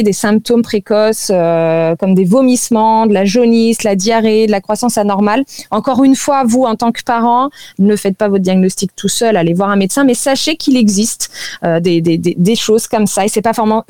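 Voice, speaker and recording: A woman's voice: medium pitch, mellow, no room sound. A woman guest on a radio health show, explaining nutrition science in a chatty way with many hesitations.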